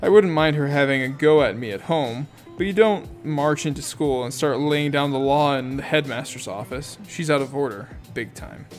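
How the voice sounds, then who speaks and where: A man's voice: mid-range voice, moderate pace, few pauses, soft background music. A man reading a novel aloud in first person, in a casual amateur audiobook style with asides and self-corrections. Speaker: audiobook reader.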